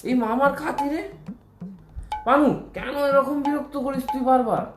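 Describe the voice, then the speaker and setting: A man's voice: extremely high pitch, fairly even intonation, moderate pace. An actor playing a doting uncle who coaxes his nephew and scolds his servant, in an echoey room with music behind. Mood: coaxing. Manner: coaxing, pleading, scolds the servant.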